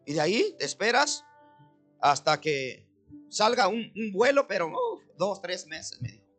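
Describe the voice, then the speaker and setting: Man, high pitch, earnest church testimony, light music underneath. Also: very animated, measured pace, fairly bright tone. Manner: earnest, addresses listeners as brothers and sisters. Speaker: church member giving testimony. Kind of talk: emotional personal testimony.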